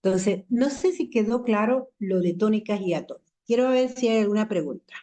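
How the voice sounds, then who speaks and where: Woman lecturer on a video call, patient, mid-pitched, repeats her examples slow and keeps asking the class questions. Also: animated, dark tone. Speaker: university language lecturer. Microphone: computer mic in a video call.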